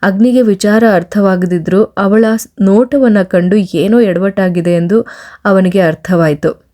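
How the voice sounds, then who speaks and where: A woman storyteller reading a story aloud in a steady, even manner. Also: medium pitch, unhurried. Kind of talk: scripted story narration.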